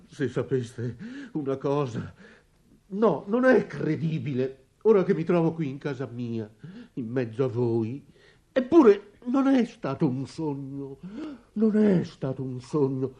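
A distraught elderly merchant in an old radio play, swinging between pleading outbursts and hushed dread. His voice is gravelly and sits somewhat high. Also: expressive, measured pace. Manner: emotional, pleading, dramatic swells and hushes. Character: anguished old merchant father, haunted and fearful. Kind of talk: radio drama acting.

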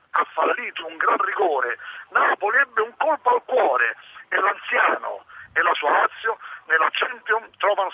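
Phone-in guest, male, high lively voice over the phone, husky, dull lo-fi line. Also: no room sound. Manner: sing-song, rhythmic delivery. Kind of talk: reciting rhyming verse.

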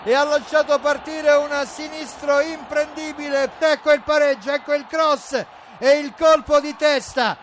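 Man, running football commentary, urgent shouting, very high but flat pitch, noisy background. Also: measured pace. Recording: noisy match broadcast.

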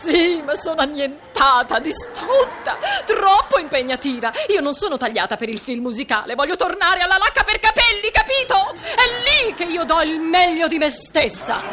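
An actress playing a vain, capricious film diva in a comedy sketch, speaking theatrically with affected sighs. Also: female voice, extremely high pitch, very animated, moderate pace, hardly any pauses, noisy background. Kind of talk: radio comedy sketch acting.

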